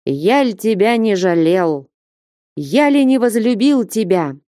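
A woman voicing a stern, grieving old male merchant who scolds and threatens slowly in a storybook reading. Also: mid-range voice, expressive, warm tone, dry recording, studio quality, pitched above the performer's own voice. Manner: reproachful, threatening.

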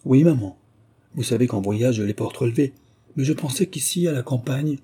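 A man reading an audiobook voices a headstrong, playful young girl, lifting his voice and talking quickly and teasingly. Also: medium pitch, mellow, husky, pitched above the performer's own voice, close to an everyday voice. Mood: eager.

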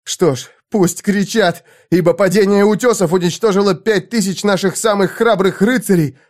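A young squire shouts in a high, breathless, frantic voice, as a male reader acts him out. Every line comes out loud and urgent, like a storybook lookout calling a battle. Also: moderate pace, close to an everyday voice.

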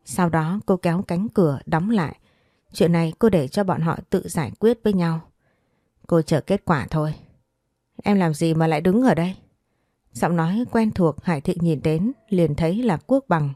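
Woman reading a story, low dark voice, dry close sound, even telling. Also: no room sound. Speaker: narrator. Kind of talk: storybook narration.

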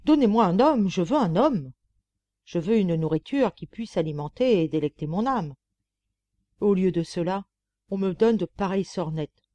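A woman's voice: mid-range voice, expressive, moderate pace, mellow, no echo, close to an everyday voice. Woman reading as a deluded, indignant clerk. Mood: exasperated. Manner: exasperated, scornful outbursts. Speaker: audiobook reader. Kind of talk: audiobook narration.

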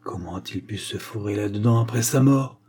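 A naive, flustered old jailer, read by a male narrator in a story reading. He speaks hesitantly and apologetically, in a low voice that is dark and husky. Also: brisk. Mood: sheepish.

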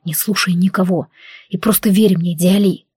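A woman voicing a tense, insistent young man who talks in a low, hushed whisper, in a storybook reading. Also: steady tone, normal speed, breathy edge, dry recording, studio quality. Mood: urgent whisper.

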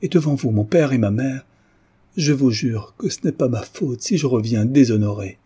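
A man's voice: mid-range voice, steady tone, normal speed, mellow, slightly rough, voice pushed up, close to an everyday voice. A man reading aloud, voicing a distraught, passionate young woman who speaks in a fervent, pleading way. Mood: anguished.

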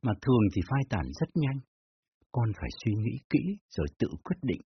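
A man voicing a calm, even-tempered older father in an audiobook, speaking in a measured way. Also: medium pitch, slightly rough, no room sound, heavily acted. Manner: measured, reasoning. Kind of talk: dramatized audiobook reading. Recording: dull lo-fi with faint music.

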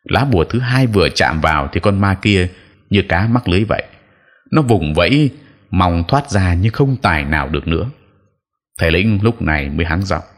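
A man reads a ghost story aloud in a very deep voice. His narration is measured and even. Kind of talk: scripted horror story narration.

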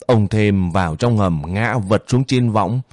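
A man narrating an audiobook story in a steady, measured way. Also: lowish voice, no room sound, studio quality.

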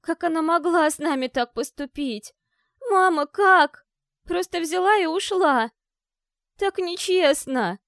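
A woman voicing a grieving teenage younger sister who cries and shouts accusations. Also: extremely high pitch, measured pace, gravelly, no echo, studio quality, pitched above the performer's own voice, exaggerated voice. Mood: tearful, accusing. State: crying. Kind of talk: audiobook character voice.

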